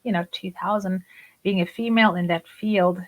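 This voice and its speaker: This woman in her forties grew up in Germany speaking Turkish as her first language, and she laughs often while chatting as a guest on a podcast interview. Her mid-range voice keeps a fairly even intonation at a moderate pace, captured on a rough recording.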